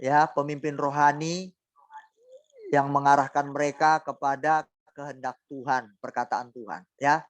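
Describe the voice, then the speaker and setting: A man's voice: on the high side, steady tone, a little slow, dry recording. A male pastor preaching a sermon, asking his congregation rhetorical questions and often acting out quoted voices.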